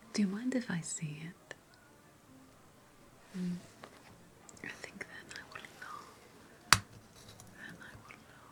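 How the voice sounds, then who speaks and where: Speaking low with vocal fry, a woman whispers through an ASMR roleplay as a haughty, playful noblewoman of ancient Rome. She teases, lingers over her words and frequently repeats phrases.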